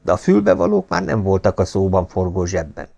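Male audiobook reader, expressive narration, gravelly, lively intonation. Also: low-pitched, muffled recording. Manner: expressive storytelling. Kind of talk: scripted narration.

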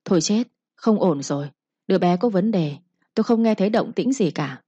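A woman's voice: mid-range voice, animated, normal speed, warm tone, slightly rough, no echo, highs cut off. A woman voicing a cold, stern young master of the house who gives commands. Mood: mock alarm.

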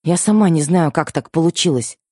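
A man's voice: fairly high pitch, fairly quick, darkish tone, no echo, studio quality, pitched above the performer's own voice, close to an everyday voice. A man voicing an impulsive young woman, the story's heroine, who blurts things out in a raised voice. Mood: sheepish. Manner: blurting, breathless pleading.

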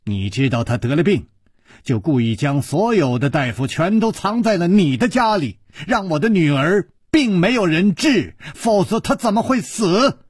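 A man voicing a shrill, furious, grieving middle-aged mother who hurls sharp accusations in a storybook reading. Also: fairly even intonation, slow pace, pauses often, husky, no echo, clean studio sound, full character voice. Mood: furious, accusing.

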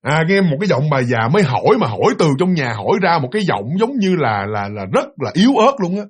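High-voiced Southern Vietnamese male storyteller. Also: very animated, fast talker, breathy edge. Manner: rambling, repetitive, addresses listeners. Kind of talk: casual ghost-story telling.

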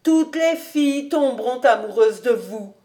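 Woman reader as old housekeeper: fussing, coaxing, a touch high, slow delivery. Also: lively intonation, mellow. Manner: eager, coaxing, chattering. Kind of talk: audiobook character reading.

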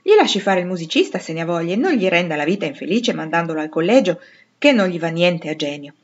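A woman voicing a blunt, tomboyish teenage girl, brisk and emphatic. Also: on the low side, very animated, lo-fi sound. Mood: brusque.

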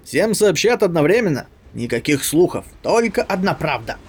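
A man's voice: a little high, sing-song, normal speed, breathy edge. A man voicing a chatty, eager young woman soldier in an audiobook.

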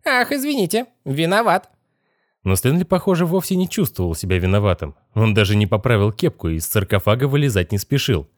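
A man reads an audiobook in a measured, even narrating voice. His voice sits fairly low, and the recording is dry and close, with no room sound. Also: no echo. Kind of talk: scripted narration.

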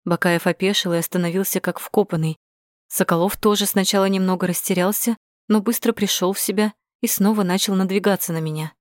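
A woman narrating a first-person audiobook in a measured, steady way. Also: medium pitch, no echo, clean studio sound.

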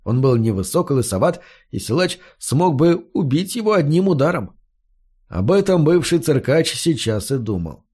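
A man's voice: on the high side, very animated, normal speed, a little mellow, breathy edge. A man reading a first-person fantasy story aloud, narrating expressively. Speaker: audiobook narrator.

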